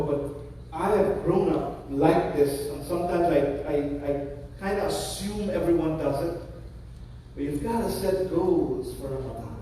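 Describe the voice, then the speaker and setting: High-voiced imam in an echoing hall. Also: male voice, warm tone, a little hiss or hum. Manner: practical, conversational exhortation with repeated restarts. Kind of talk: Friday sermon. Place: large mosque prayer hall. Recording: echoey hall from far off.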